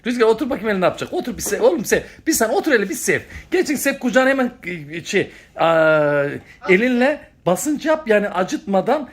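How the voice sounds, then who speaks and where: A woman's voice: on the high side, big pitch swings, quick pace, hardly any pauses, slight background noise. A woman at home filming a casual vlog, coaxing and laughing as she calls to her pet. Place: home indoors.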